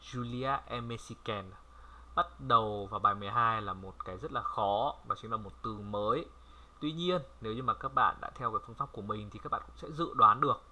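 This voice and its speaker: A man from Vietnam giving a casual language lesson, chatty and repeating words slowly for viewers to copy. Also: on the low side, sharp tone. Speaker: French language tutor. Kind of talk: casual screen-recorded lesson.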